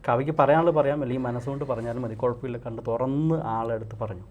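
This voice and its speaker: A man working as a hypnotist, guiding a session with repeated soothing commands and slow counting. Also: medium pitch, a little mellow.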